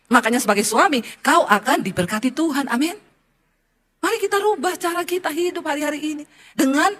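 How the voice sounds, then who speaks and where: A woman pastor preaching a sermon with passion, speaking straight to the congregation and swinging between hushed personal stories and loud exhortation. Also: high voice. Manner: addresses the congregation directly as brothers and sisters.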